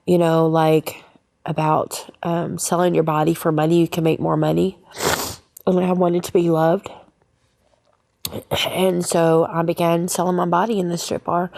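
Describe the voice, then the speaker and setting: Gravelly low-voiced woman giving testimony. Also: darkish tone. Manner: candid, halting, with frequent fillers and restarts. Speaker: interviewee sharing her life story. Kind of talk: personal testimony.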